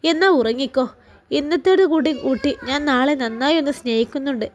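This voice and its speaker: A woman reading a storybook, voicing an affectionate young husband who asks softly and gently. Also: high voice, a little fast, slight background noise, close to an everyday voice. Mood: coaxing.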